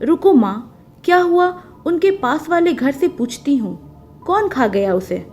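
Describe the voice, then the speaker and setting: A woman voicing a young village daughter just back from her city studies, bright, pleading and quickly alarmed. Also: high voice, sing-song, soft background music. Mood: frightened.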